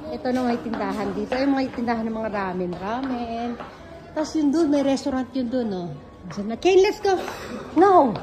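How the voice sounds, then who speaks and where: A woman's voice: fairly high pitch, expressive, moderate pace, music in the background. A woman vlogging a casual hotel tour, chatting as she points things out and calls to her child. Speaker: travel vlogger. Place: hotel lobby and halls, indoors. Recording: handheld camera, noisy background.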